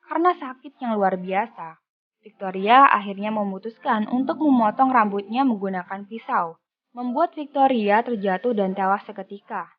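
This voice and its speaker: A woman reading a scripted film plot recap in an even storytelling manner. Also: mid-range voice, moderate pace. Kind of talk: scripted narration. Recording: dull lo-fi voice-over with music.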